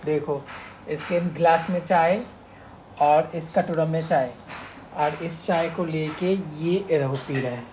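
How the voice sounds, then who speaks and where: A man's voice: fairly high pitch, steady tone, slow pace, darkish tone, a little hiss or hum. A man co-hosting a casual home vlog, teasing and scolding his partner in a bossy way. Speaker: vlog co-host. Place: home room.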